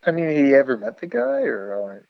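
A man's voice: a little high, huge pitch swings, normal speed, gravelly, dull audio. Hesitant man calling in over the phone. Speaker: caller.

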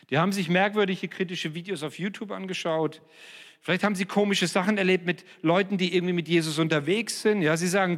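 A man preaching a sermon, swinging between loud emphatic passages and quiet, dropped-voice asides. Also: fairly high pitch. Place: church hall. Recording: reverberant church hall.

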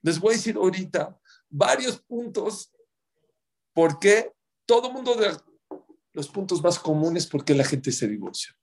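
Husky, emphatic man giving advice. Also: very animated, unhurried, long pauses. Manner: emphatic, counts off points, acts out quotes in sudden high outbursts. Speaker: religious advisor on marriage. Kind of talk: advice talk to an audience.

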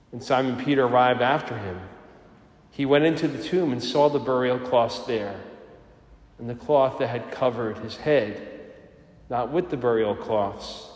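Priest with a cathedral echo. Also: male voice, mid-range voice. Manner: measured, storytelling delivery. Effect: cathedral echo, long church reverb. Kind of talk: gospel reading and homily. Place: large church. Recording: echoing church with long reverb.

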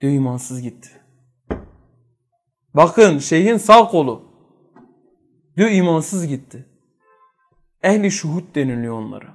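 High-voiced man teaching a faith lesson. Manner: quizzes listeners with rhetorical questions. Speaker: religious teacher. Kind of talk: religious study lesson.

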